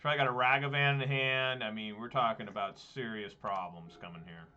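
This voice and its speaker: A man's voice: medium pitch, brisk, bright, forceful tone, muffled recording. A man thinking aloud in a casual, muttering way while he plays an online card game, with exasperated asides. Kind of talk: thinking aloud over gameplay.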